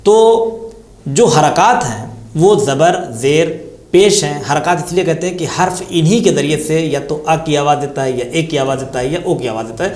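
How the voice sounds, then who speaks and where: Man with an Indian Urdu accent, slightly high voice, patient lesson explanation, repeats key terms, echoey room. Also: a little mellow. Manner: patient, repeats key terms, asks and answers own questions. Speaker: tajweed teacher.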